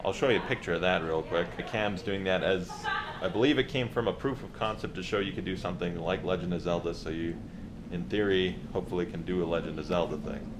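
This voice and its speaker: A man's voice: sits low, fast. A man chatting casually to his camera as an actor vlogging from a film set, joking and swearing as he rambles. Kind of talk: casual vlog chat to camera. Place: indoors, closet and hotel rooms on set. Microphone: action camera held by himself. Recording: echoey small rooms, busy crowd noise.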